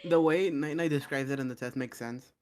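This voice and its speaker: A soft-spoken man, a guest on a stream, chatting quietly and casually. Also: medium pitch, fairly quick. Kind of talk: casual chat.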